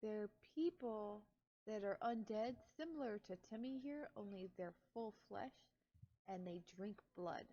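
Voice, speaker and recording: A woman's voice: medium pitch, a little slow, mellow, dull audio. A woman playing a tabletop role-playing game, talking casually as a player.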